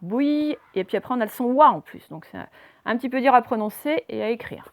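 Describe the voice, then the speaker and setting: A woman's voice: on the high side, fast talker, gravelly. A woman teaching a spelling lesson to children, patiently spelling out words letter by letter.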